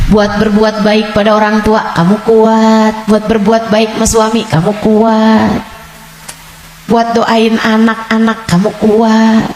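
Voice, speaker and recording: A woman's voice: medium pitch, darkish tone, roomy sound, a little hiss or hum, low-quality recording. A woman preacher, giving a sermon with emphatic, repetitive exhortation. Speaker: Islamic preacher. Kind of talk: religious sermon.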